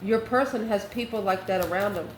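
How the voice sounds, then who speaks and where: Speaking briskly in a mid-range voice, a woman who runs a channel improvises a tarot reading for viewers, musing aloud in short, conversational phrases. Faint background noise and a roomy echo surround her.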